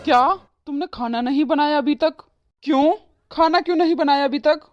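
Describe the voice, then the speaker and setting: A fretful young husband in a cartoon, voiced by a woman, torn between his wife and his parents. He talks in a soothing, placating way, in a highish voice with a dry, close sound. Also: normal speed, no echo, highs cut off, soft background music, natural voice. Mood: hungry. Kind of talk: cartoon voice acting.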